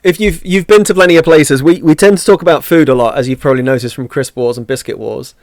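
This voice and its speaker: A man's voice: on the high side, steady tone, darkish tone, no echo, studio quality. A man co-hosting a podcast stream, asking questions casually with frequent restarts. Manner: halting, restarts often. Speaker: co-host. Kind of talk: casual chat.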